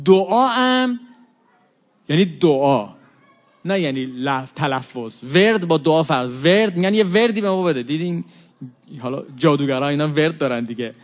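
A man giving a religious talk to an audience, animated and acting out quoted exchanges with sudden rises and drops in his voice. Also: on the high side. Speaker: religious lecturer. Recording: dull lo-fi recording.

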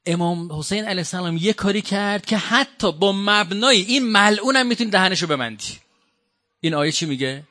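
A man from Iran delivering a sermon, walking through scripture in a conversational, questioning way. His voice sits high and sounds bright and forceful. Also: expressive. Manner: conversational, addresses audience directly with questions. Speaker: preacher. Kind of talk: sermon with Quran exegesis.

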